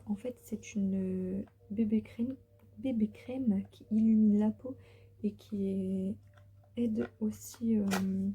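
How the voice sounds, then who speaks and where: Breathy whispering woman vlogger. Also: mid-range voice, lo-fi sound. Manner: whispering softly. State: tired. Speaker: beauty vlogger. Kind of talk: casual unboxing vlog. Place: bedroom, sitting on the floor.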